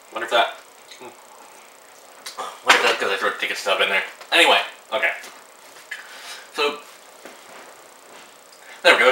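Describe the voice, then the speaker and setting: A man's voice: fairly low pitch, bright, forceful tone, reverberant, distant mic, a little hiss or hum, poor audio. A teenage boy ranting to camera about a film, sarcastic and exasperated, swearing freely. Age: teens. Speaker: vlogger. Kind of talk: casual rant to camera. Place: room at home.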